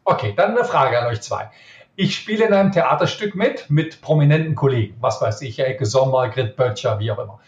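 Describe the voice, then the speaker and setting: A middle-aged magician from Cologne with a Cologne accent, answering interview questions emphatically and tagging points with quick questions. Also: male voice, mid-range voice. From Cologne, Germany. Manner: emphatic, lively, frequent "ja?" tag questions. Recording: roomy, dull lo-fi sound.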